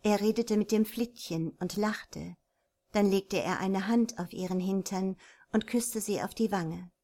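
A woman reading a romance novel aloud in a measured, even storytelling voice. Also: mid-range voice. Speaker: narrator. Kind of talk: scripted audiobook narration.

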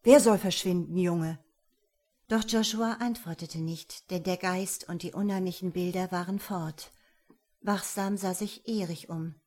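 A woman narrating an audiobook in a steady storytelling voice. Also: fairly low pitch, measured pace. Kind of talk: scripted narration.

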